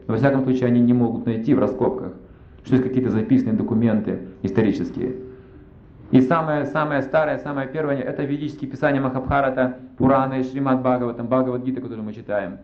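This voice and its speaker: Male spiritual lecturer, mid-pitched, argues through rhetorical questions; slightly muffled recording. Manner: reasoning aloud with rhetorical questions. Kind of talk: religious lecture. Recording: roomy, slightly dull recording.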